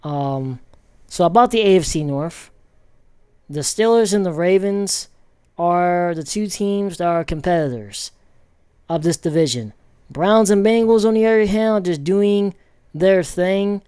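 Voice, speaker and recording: A man casually rambling through football commentary with many pauses and restarts. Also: high-pitched, a little mellow, clear, resonant tone, dry recording, clean studio sound. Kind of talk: casual sports commentary vlog.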